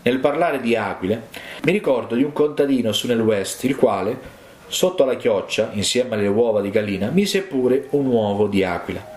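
A man's voice: animated, moderate pace, darkish tone. Emphatic male preacher in an echoey hall. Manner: emphatic, builds to raised high climaxes. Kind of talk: sermon.

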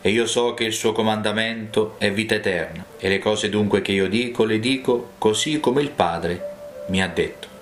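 A man reading the words of Jesus as a calm, earnest adult male teacher. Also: fairly low pitch, moderate pace, natural voice. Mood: solemn. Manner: solemn, earnest. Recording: roomy, with faint music.

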